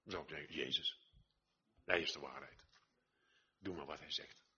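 A man's voice: a bass voice, normal speed, sharp tone, highs cut off, slight background noise. An older man preaching an earnest sermon, exhorting his listeners, repeating phrases and swelling to emphatic peaks.

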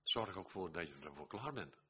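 A man's voice: low voice, lively intonation, moderate pace, pushed and bright, lo-fi sound, slight background noise. An older man preaching an earnest sermon, exhorting his listeners, repeating phrases and swelling to emphatic peaks.

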